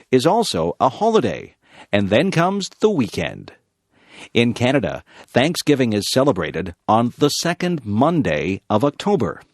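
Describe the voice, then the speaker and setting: American male narrator for a learners' lesson, clear and unhurried, lively pitch, dry close sound. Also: dry recording. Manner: slow, clear, even reading. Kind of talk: scripted narration.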